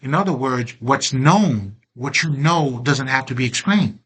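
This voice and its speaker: Rambling streetwise man, bright voice. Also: mid-range voice, expressive, measured pace, slightly rough. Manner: rambling, streetwise, lots of slang and fillers; laughs often, openly emotional. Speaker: self-help channel host. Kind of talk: casual spiritual monologue.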